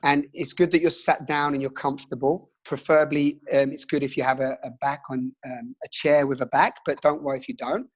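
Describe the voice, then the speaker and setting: A man leading a guided breathing exercise as a teacher, speaking in a gentle, reassuring way with pauses. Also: mid-range voice, steady tone, slightly rough.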